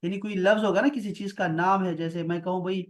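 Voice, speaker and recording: A man's voice: sits high, steady tone. A man teaching an online Arabic class over a video call, patient and repeating words for drill. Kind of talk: online grammar lesson.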